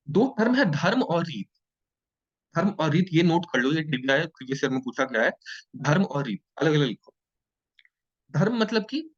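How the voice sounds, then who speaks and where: A man teaching an exam-prep class in a lively, joking way, often checking in with his students. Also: medium pitch. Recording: dull lo-fi sound.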